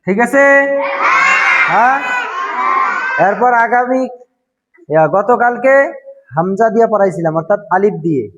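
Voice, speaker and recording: Strict high-voiced Quran teacher shouting. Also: male voice, measured pace, pauses often, a faint crowd. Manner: shouts questions, drills answers, scolds strictly. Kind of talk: classroom lesson to children. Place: crowded classroom indoors. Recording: muffled lo-fi, loud children and noise.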